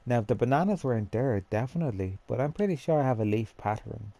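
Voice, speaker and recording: A man's voice: mid-range voice, animated, quick pace, warm tone, dry recording. A man chatting casually to himself as he builds a character in a game, thinking aloud as he goes. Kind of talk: casual gameplay commentary.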